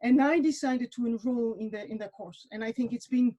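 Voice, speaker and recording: Talking a little fast in a warm, slightly high voice, this Mexican woman in her forties appears as a webinar guest from the wine industry. Her casual speech is packed with fillers and repeated words.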